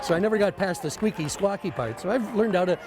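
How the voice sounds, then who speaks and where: A man's voice: high-pitched, quick pace. A man who works as a festival storyteller, chatting casually and playfully swapping syllables in spoonerisms. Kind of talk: casual interview chat. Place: outdoor festival grounds. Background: music.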